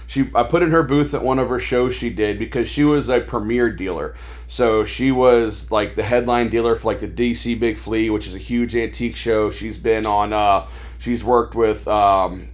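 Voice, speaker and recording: A man talking as a podcast guest, telling his life story in a rambling, casual way with lots of fillers, animating the voices of people he quotes. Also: mid-range voice. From Maryland, USA. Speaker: podcast guest, toy store owner.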